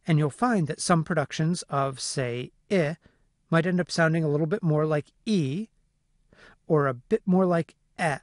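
A man narrating a phonetics lesson in a clear, methodical way. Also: a little high, no echo, clean studio sound. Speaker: phonetics instructor. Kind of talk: scripted lecture narration.

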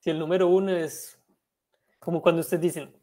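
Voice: medium pitch, level tone, brisk, mellow. A French teacher giving an online language lesson over a video call, spelling words letter by letter and switching between Spanish explanations and French examples.

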